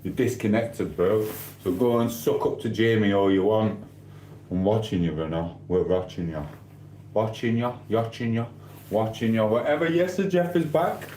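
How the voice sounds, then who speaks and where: Late at night in his kitchen, a middle-aged livestreamer from Sheffield chats in a mellow, lowish Yorkshire-accented voice at normal speed. He rambles and trades plenty of mock trash talk, and the rough recording has room echo plus some hiss or hum.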